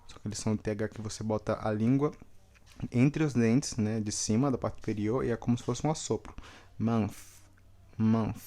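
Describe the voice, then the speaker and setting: A man's voice: fairly low pitch, a little fast, mellow. A man teaching English vocabulary to Portuguese speakers, repeating each word several times and checking in with the class after each one. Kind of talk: vocabulary lesson with repetition drills.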